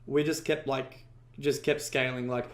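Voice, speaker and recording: A man's voice: medium pitch, little pitch movement, measured pace. Brief: male guest, casual and rambling, curses freely, roomy echoey recording. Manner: rambling, heavy "like" fillers, frequent swearing. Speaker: podcast guest, ecommerce entrepreneur. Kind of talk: casual storytelling interview.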